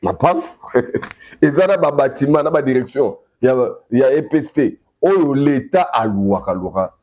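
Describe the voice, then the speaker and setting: A man with a Congolese accent giving animated political news commentary, emphatic and repeating his key phrases for weight. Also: mid-range voice, moderate pace. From Democratic Republic of the Congo. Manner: emphatic, repeats key phrases, mixes two languages freely.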